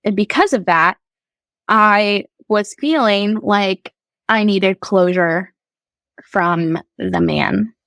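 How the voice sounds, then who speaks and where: A woman guest on a podcast, telling her personal faith story in a halting, earnest way with many fillers and restarts. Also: medium pitch, big pitch swings, a bit bright, no echo, rough recording.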